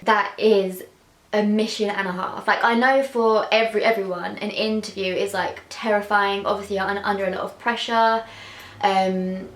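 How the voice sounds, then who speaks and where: A young woman from England vlogs from a small, echoey bedroom, speaking with candor and feeling. Her speech catches on repeated sounds and words in a stutter, and she scatters "like" through it. Her pitch sits in the middle range.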